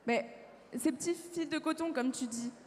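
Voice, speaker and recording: A woman's voice: sits high, moderate pace, darkish tone, close to an everyday voice. A woman acting an upbeat, pedantic young crash survivor who lectures with many fillers, in a live stage sketch. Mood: cheerful. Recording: reverberant hall with faint background noise.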